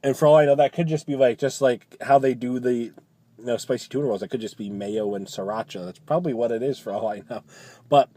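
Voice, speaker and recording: A man's voice: mid-range voice, a little fast, dark tone, no room sound. A man giving a casual, chatty food review, talking loosely and often rephrasing as he goes.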